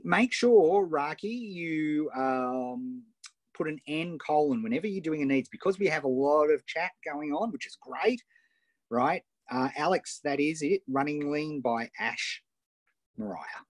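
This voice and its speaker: An Australian man hosting a live online coaching session, enthusiastic and firing off quick questions over a video call. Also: fairly high pitch, animated, a little mellow, dry recording. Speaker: host and coach.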